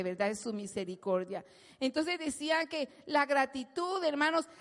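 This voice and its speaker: A woman preaching a sermon in a church, animated, acting out quotes and calling the congregation "hermanos". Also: sits high. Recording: long hall reverb.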